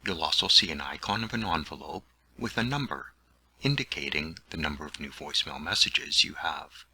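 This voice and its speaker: A man's voice: very deep voice, lively intonation, normal speed, bright, forceful tone, breathy edge, poor audio. A man narrating a scripted instructional tutorial in a plain, step-by-step way.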